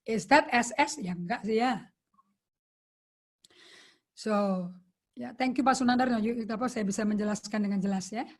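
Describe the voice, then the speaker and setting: A woman's voice: on the high side, normal speed, long pauses. A woman pastor teaching a sermon over a video call, chatting casually and slipping English phrases into her talk.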